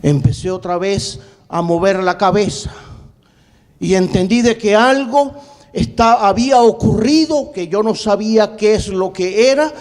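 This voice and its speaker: A male pastor preaching, with a high voice and a mellow, dark tone. He tells his story dramatically, repeating words for emphasis and swinging between quick bursts and slow, drawn-out phrases. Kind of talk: sermon testimony.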